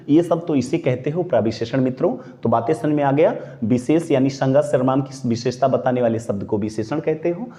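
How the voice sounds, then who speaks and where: A male teacher walks viewers through a grammar lesson, greeting them as friends and asking questions that he answers himself. His voice sits in an ordinary middle pitch with a mellow, dark tone.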